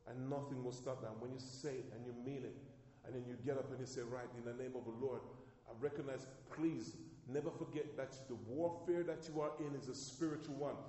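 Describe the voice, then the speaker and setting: A man's voice: medium pitch, fairly even intonation, fairly quick, mellow. A man pastor preaching a sermon, calling out to his congregation with rising emphasis. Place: church. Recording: echoey church hall.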